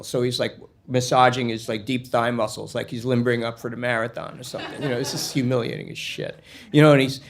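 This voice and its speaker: Guy spinning a story, lots of asides, mid-pitched, lively. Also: a little hiss or hum. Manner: animated, digressive, full of asides. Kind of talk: spoken storytelling.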